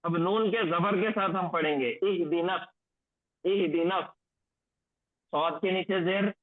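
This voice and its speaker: A man teaching Quranic Arabic grammar in an online lesson, explaining rules and slowly drilling recitation phrases over and over. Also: sits high, no echo. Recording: tinny phone-like lo-fi audio, dry.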